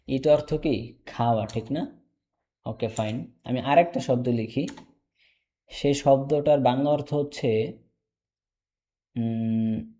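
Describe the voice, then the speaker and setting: A man teaching a casual online English class, repeating each word slowly for learners. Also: mid-range voice, mellow. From Bangladesh. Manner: repeats words slowly, drills.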